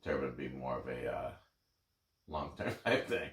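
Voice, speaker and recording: Male podcast co-host, deep voice, loose sweary sports chat that wanders, recorded off-mic in a reverberant room. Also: animated, normal speed, noisy background. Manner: rambling, sweary, self-deprecating. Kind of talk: casual sports banter. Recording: echoey room, distant from mic.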